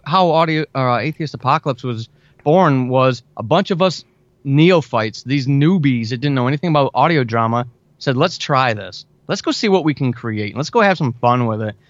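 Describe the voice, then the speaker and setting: In a casual interview, a man who writes audio dramas speaks with an expressive, medium-pitched voice at a normal speed, earnestly enthusing about his work. The recording is dry and lo-fi.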